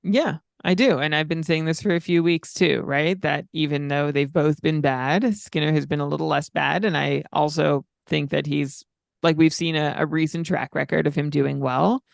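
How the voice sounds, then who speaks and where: A man with a slightly high, gravelly voice, talking through numbers in a measured, filler-laden podcast chat. The recording is dry and close. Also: steady tone, no room sound. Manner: stat-heavy, measured, frequent fillers. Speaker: podcast co-host.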